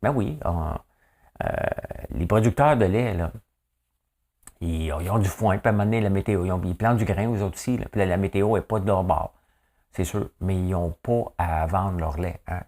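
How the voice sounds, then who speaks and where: A middle-aged man with a Quebec French accent and a somewhat low voice delivers a casual morning news monologue. He is a chatty farmer who speaks his mind and keeps checking in with the listener. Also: moderate pace, a little mellow. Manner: chatty, rhetorical, keeps asking "hein?". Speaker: podcast host and farmer.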